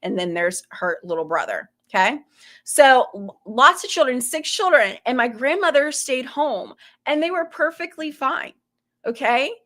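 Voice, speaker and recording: A woman from Florida hosts a casual commentary for her viewers in a high, expressive, fairly bright voice, speaking unhurriedly with a slight Southern US lilt. Her tone is conspiratorial and rhetorical, and she keeps adding "okay?" after each point.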